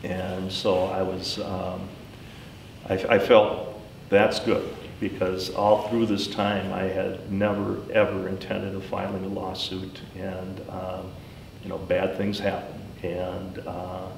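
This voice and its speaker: A middle-aged man giving a personal account in informal talk, speaking haltingly and pausing often mid-sentence. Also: completely flat delivery, creaky. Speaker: school superintendent, former teacher. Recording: roomy, distant mic, faint rumbling noise.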